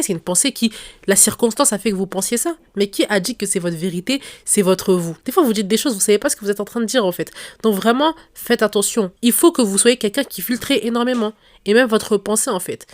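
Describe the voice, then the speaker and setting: A woman's voice: mid-range voice, no echo. Woman podcast host, young adult, direct and emphatic delivery, dry close sound. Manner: direct, addresses listener as tu and vous, emphatic. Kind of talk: advice podcast monologue.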